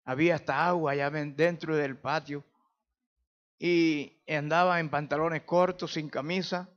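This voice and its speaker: A man's voice: on the high side, steady tone, unhurried, highs cut off. A man in his sixties from Venezuela, a pastor giving a fervent, emotional personal testimony full of praise exclamations. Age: 60s.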